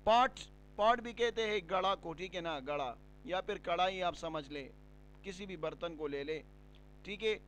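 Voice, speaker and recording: A man teaching a beginner English lesson, explaining in Urdu and repeating words and phrases slowly for learners. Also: sits high, fairly bright tone.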